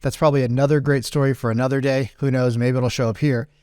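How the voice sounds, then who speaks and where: A man's voice: medium pitch, flat delivery, fast talker, a little mellow, clear, resonant tone, dry recording, clean studio sound. A man in his thirties, a podcast guest, telling a casual story and rambling with lots of "right?" and "like.".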